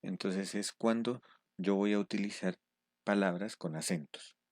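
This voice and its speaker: Deep-voiced patient male instructor. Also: fairly even intonation, unhurried, a little mellow, no room sound, studio quality. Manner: patient step-by-step explaining, checking in with a questioning "mm". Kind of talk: screen-recorded tutorial.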